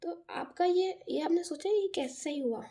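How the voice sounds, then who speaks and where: A woman's voice: very high-pitched, moderate pace, warm tone. A young Indian woman teaching a casual lecture, often checking in with "okay" and correcting herself as she goes. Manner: explains with repeated checks and self-corrections. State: has a cough. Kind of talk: casual exam-prep lecture mixing Hindi and English.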